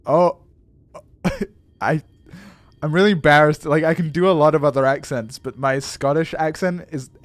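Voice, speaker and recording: A man's voice: a little high, steady tone, moderate pace, no echo. A young adult man streaming a game in casual commentary, joking and self-deprecating and laughing often. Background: faint game music.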